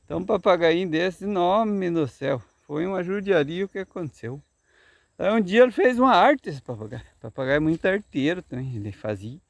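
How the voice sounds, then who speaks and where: A man's voice: high voice, animated, fairly quick, creaky, no echo. An older man with a Southern Brazilian gaúcho accent, a grandfather telling a tall tale in a folksy, earnest way, insisting it is true. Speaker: grandfather storyteller.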